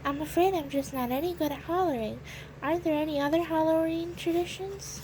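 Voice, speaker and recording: A woman's voice: sits high, brisk, noisy background, lightly acted. A woman voicing a polite, curious young girl who speaks in prim, well-mannered phrases. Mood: proper.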